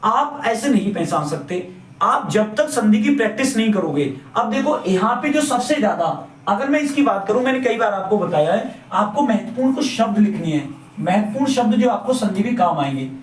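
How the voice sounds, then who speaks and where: A man's voice: high voice, very animated, normal speed. A man teaching a Hindi grammar lesson. He repeats his points and asks the class questions, then answers them himself. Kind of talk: classroom lecture. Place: classroom or coaching room. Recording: echoey room, mic at a distance.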